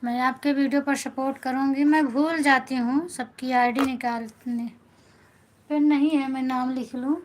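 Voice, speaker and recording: A woman's voice: high-pitched, fairly even intonation, unhurried, slight background noise, poor audio. A middle-aged woman from north India hosting a live stream on her phone, chatting with viewers, greeting them by name and thanking them again and again. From Awadh, north India. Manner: chatty, warm-toned greetings, repeats thanks, reads out viewer names.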